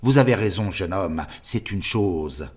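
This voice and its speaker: A man's voice: low-pitched, lively intonation, a little slow, breathy edge, voice pushed up, exaggerated voice. A man voicing a fat, balding, leering older seminary superior who drags out his syllables with a sneer.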